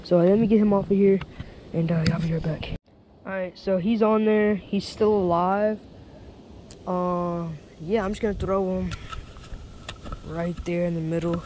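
A man's voice: high voice, steady tone, a little slow, long pauses. A young man casually narrating a fishing vlog by a pond, chatty and laid-back, often saying dude and bro. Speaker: fishing vlogger. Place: outdoors by a small pond. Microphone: head-mounted action camera. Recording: outdoor camera mic with wind and ambient noise.

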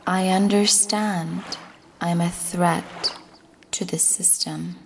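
A little hiss or hum sits under a woman's fairly low voice as she leads a guided meditation with affirmations, her intonation fairly even. She speaks slowly and soothingly, at times near a breathy whisper.

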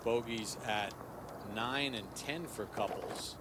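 Mid-pitched male golf commentator, clear background noise. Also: slow. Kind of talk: live golf commentary, announcing shots. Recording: clearly noisy outdoor broadcast.

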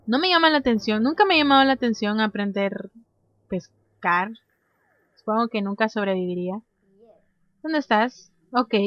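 High-voiced excitable woman gaming. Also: no room sound, highs cut off. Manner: chatty, reads game options aloud, bursts into excited shrieks. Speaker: gameplay commentator. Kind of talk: casual let's-play commentary.

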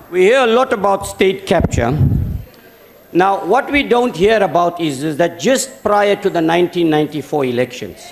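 A man's voice: sits high, gravelly. A man, a member of parliament, reading a formal question from paper in the chamber. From South Africa. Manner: reads a prepared question from paper.

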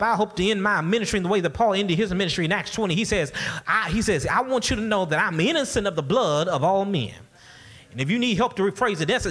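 Man, pastor, sermon, high voice, passionate delivery, church. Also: a bit bright, slightly rough. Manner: impassioned, repeats words as he builds. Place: church sanctuary.

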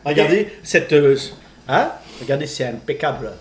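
A man's voice: a little high, lively intonation, normal speed, echoey room, crowd noise. A man, a guest on a cooking show, telling a story in a theatrical way. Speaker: guest, actor and host. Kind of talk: casual storytelling.

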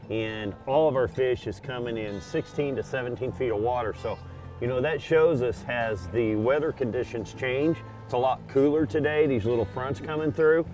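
A man who fishes catfish tournaments, talking in a relaxed, plain-spoken way on an open boat. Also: medium pitch, moderate pace, soft background music. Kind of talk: casual fishing show talk.

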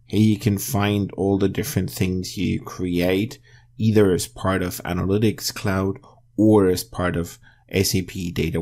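In a screencast, a man with a low voice narrates a software tutorial, walking through each step in a measured way.

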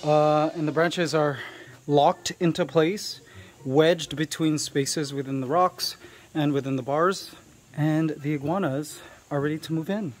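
A man's voice: on the high side, fairly even intonation, measured pace. Chatty man showing off an outdoor pet pen. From Canada. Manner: chatty, explaining to viewers while handling pets. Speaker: vlogger. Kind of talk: casual vlog walkthrough. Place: outdoor animal enclosure.

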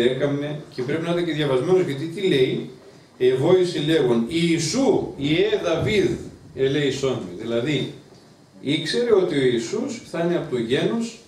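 A man, a priest teaching a Bible class in an emphatic, lively way and often asking his listeners questions. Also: on the high side, slight background noise. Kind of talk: sermon. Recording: roomy, distant mic with faint ambience.

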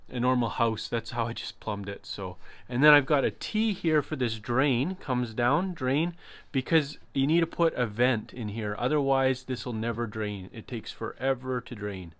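A man giving a relaxed walkthrough of his trailer build, explaining as he goes with some fillers. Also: medium pitch, a little slow, hardly any pauses, no echo. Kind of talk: casual walkthrough tour. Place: inside a converted cargo trailer.

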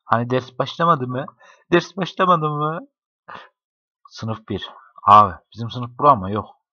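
Joking gamer, bright dry voice. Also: male voice, medium pitch, moderate pace, husky, dry recording. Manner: joking, talks to the game characters, laughs often. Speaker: gaming YouTuber. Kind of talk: casual gameplay commentary. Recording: dry, dull lo-fi home mic.

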